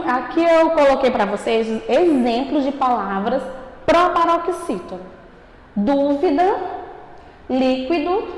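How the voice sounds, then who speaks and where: A Brazilian woman teaching a recorded lesson to young children, speaking slowly and stressing each syllable, asking the class questions and answering them herself. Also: high voice. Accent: Brazilian Portuguese. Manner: slow, emphatic, stretches out syllables. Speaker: primary school teacher. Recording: echoey room with long reverb.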